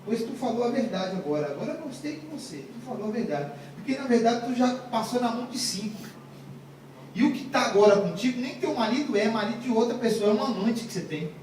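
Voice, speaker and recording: A man's voice: very high-pitched, animated, quick pace, a little mellow, slight background noise. A man voicing a casual, blunt young man from Galilee in a joking sermon retelling, heard from a distant mic in a very echoey room. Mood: approving.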